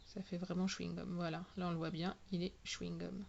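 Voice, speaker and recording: A woman talking casually through a product unboxing, spelling out each product name slowly and clearly. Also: fairly low pitch, level tone, darkish tone, highs cut off, a little hiss or hum. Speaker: nail product reviewer.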